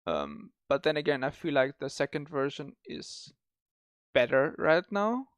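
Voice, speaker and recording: A man's voice: fairly high pitch, huge pitch swings, measured pace, clear, resonant tone, no echo, clean studio sound. A man hosting a casual gaming discussion, often breaking off and restarting his words. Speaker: podcast host.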